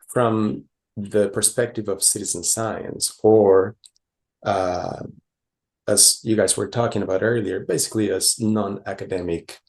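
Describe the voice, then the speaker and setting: Gravelly low-voiced man from Costa Rica. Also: darkish tone. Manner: hesitant, many fillers and restarts. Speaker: conference presenter. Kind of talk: conference talk with slides.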